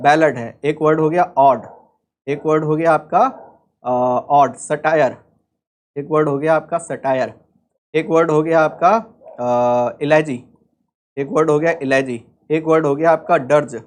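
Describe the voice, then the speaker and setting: A man with an Indian accent teaching English vocabulary in an online exam-prep lecture, explaining step by step and asking the class rhetorical questions. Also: a little high.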